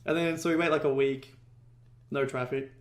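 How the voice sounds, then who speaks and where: An ecommerce entrepreneur appears as a podcast guest, telling stories casually in a fairly high voice with even intonation at a moderate pace. He rambles, leans heavily on "like," and swears often, in a roomy, echoey recording.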